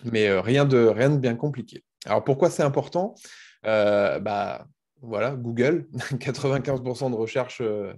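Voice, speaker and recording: A man's voice: medium pitch, unhurried, a little mellow. A man presenting a webinar as a consultant, explaining the basics simply for beginners over a video call.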